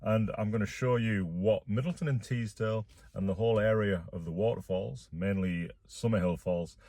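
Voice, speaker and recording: Low-voiced man vlogging from inside a car. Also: normal speed, warm tone, no echo. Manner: chatty, addressing viewers directly. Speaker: vlogger, YouTube host. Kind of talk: casual vlog talk to camera.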